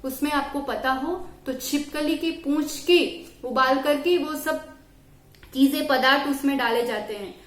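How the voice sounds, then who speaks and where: A woman's voice: high-pitched, a little slow, echoey room. A woman religious teacher giving an earnest, firm moral lecture to young people, slipping English phrases into her talk. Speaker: religious teacher at a study camp.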